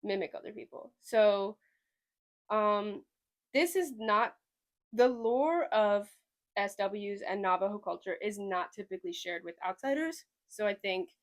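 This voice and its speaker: Her medium-pitched voice moves a little slowly as she hosts a casual podcast chat. A young woman from Sweden with a slight Southern US twang, she's chatty and rambling and hedges a lot.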